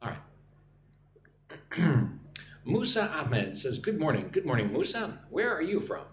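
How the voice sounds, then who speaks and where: An American man's slightly high voice swings widely in pitch and moves a little slowly as he hosts a casual English-teaching livestream. Greeting viewers, he reads their comments aloud and answers them in a chatty, informal way. The room echoes, with faint noise underneath.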